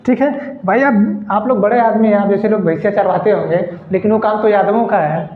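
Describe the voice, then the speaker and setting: A man's voice: high-pitched, fairly quick. A man teaching a geography lesson in a classroom, explaining patiently and constantly checking that students follow. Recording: echoey room, tinny phone-like sound.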